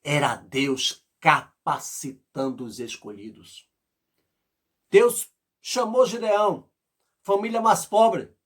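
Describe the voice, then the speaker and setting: Fervent high-voiced man preaching. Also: takes it slowly. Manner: fervent, pleading, shifting loud and soft. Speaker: pastor. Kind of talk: sermon.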